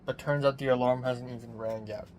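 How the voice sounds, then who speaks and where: A young man rambling through a casual personal vlog, swearing casually, his voice thin with no bass on a phone microphone. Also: steady tone, a little fast, a little mellow. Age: young adult. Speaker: vlogger. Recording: thin bassless phone mic, background noise.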